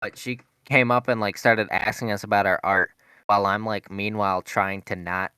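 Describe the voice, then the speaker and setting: Young male podcast host, low smooth voice, dry close sound, rambling and profane. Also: flat delivery, moderate pace, pushed and bright, dry recording. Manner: rambling, profane, laughing storyteller. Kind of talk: casual chat.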